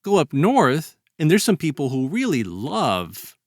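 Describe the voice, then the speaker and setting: An American man who lives in South Texas co-hosts a podcast, chatting casually in a reflective, hedging way with wry humor. His voice is a little high with huge pitch swings and a measured pace, recorded in studio quality without echo.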